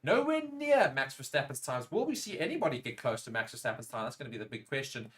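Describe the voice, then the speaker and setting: Fast-talking male F1 watchalong commentator. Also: medium pitch, very animated, a bit bright. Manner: brisk, reads out viewer chat comments. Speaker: co-host and F1 commentator. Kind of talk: live race commentary watchalong.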